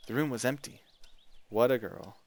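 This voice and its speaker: A man's voice: medium pitch, moderate pace. Man casually reading a game aloud. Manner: casual reading with small slips and restarts. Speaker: game reader. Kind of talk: reading a visual novel aloud.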